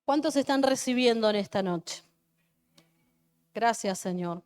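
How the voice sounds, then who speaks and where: A woman's voice: on the high side, animated, a little slow, a little mellow, smooth. A woman pastor with an Argentine accent preaching a fervent sermon at a church service, repeating her phrases and asking the congregation questions. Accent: Argentine Spanish.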